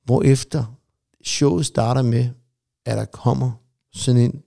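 Gravelly dark-voiced man telling anecdotes. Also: medium pitch, steady tone. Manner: rambling anecdotes with lots of swearing. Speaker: podcast co-host. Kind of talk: casual chat, storytelling.

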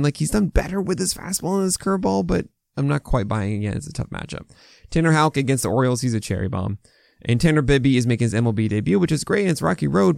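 A man's voice: medium pitch, creaky, a little mellow, no echo, studio quality. An American man hosting a fantasy baseball podcast, talking with a swollen mouth in casual, opinionated, unscripted commentary full of asides.

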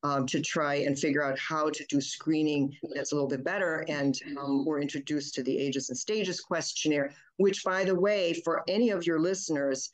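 A pediatrician guest from Michigan, USA, whose first language is German, explains child development in an interview, full of ums and restarts. Her low-pitched voice is fairly even in intonation, at normal speed with few pauses, and the audio quality is poor.

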